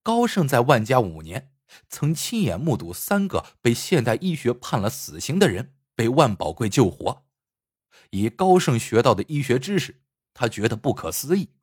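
A man narrating a story in an expressive storytelling style. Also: mid-range voice, normal speed, husky.

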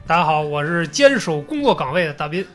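Bright, fast-talking man with Beijing accent. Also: on the high side, very animated, faint music behind. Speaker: podcast co-host. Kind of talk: casual chat.

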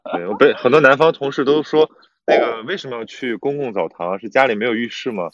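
A man's voice: medium pitch, fairly quick, muffled recording, crowd noise. A man from Northeast China co-hosting a casual podcast, talking eagerly with stammered restarts. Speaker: podcast co-host. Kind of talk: casual chat.

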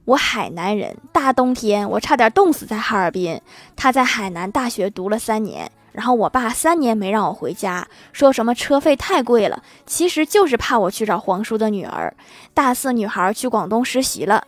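A woman hosting a show, telling scripted jokes briskly and laughing at the punchlines. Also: mid-range voice, lively intonation, no room sound. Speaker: host. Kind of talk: scripted joke narration.

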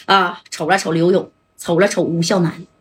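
A woman's voice: lowish voice, level tone, moderate pace, slightly rough. A woman with a Northeastern Chinese accent telling a gangland story in colloquial speech, swearing and turning to the listener with asides. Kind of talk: gangland storytelling with voiced characters.

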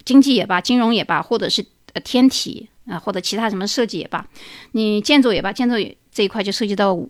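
A woman's voice: medium pitch, fast, no echo, studio quality. A woman hosting a talk show, explaining things at length through many examples and often dropping in a filler "ah". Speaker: podcast host.

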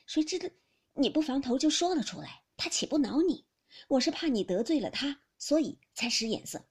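A woman's voice: high-pitched, lively intonation, moderate pace, darkish tone, voice pushed up. A woman reading a classic novel aloud, voicing an earnest young nobleman who pleads anxiously with his cousins. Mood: pleading.

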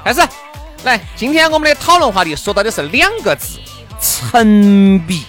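A man's voice: high voice, very animated, moderate pace, fairly bright tone. A man with a Sichuanese accent co-hosting a radio talk show, bantering in a teasing, jokey and exclamatory way. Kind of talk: bantering casual chat. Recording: music bed behind the voice.

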